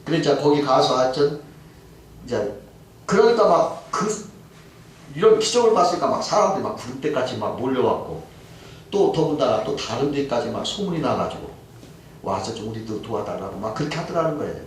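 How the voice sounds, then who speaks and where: Lively Korean pastor in echoey church. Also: male voice, medium pitch, fairly quick, distant mic. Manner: lively storytelling, acting out quoted voices. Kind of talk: sermon. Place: church sanctuary.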